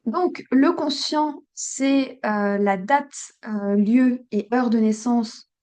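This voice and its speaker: A woman's voice: a little high, slow, darkish tone. A woman giving an unscripted tutorial, hesitant and full of fillers and restarts. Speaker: human design teacher.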